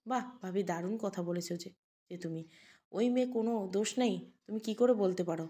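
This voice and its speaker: A woman's voice: mid-range voice, a little fast, warm tone, natural voice. Scheming jealous aunt, whiny and resentful, done by a woman narrator in an audio story. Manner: whining, resentful, complaining. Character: bitter scheming aunt, jealous for her son.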